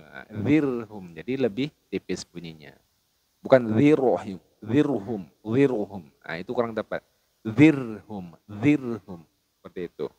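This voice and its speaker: A man teaching Quran recitation rules, explaining plainly and then chanting each verse slowly and melodically. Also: lowish voice, no echo. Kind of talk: tajwid lesson with chanted recitation.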